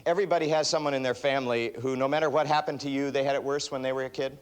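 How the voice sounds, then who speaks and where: A man giving a seminar talk and telling stories in an animated, self-deprecating way. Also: mid-range voice, very fast. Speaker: motivational speaker.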